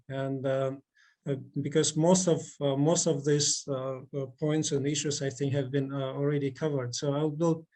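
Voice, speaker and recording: A man's voice: on the high side, dark tone. Hesitant Russian-born man on a video call. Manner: halting, many fillers and restarts. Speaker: conference speaker. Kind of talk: online conference presentation.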